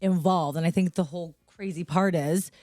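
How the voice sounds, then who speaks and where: A woman's voice: fairly low pitch, fairly even intonation, moderate pace, warm tone, no room sound, clean studio sound. A woman co-hosting a podcast, chatty and upbeat, full of "like". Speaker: podcast co-host. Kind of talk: casual chat.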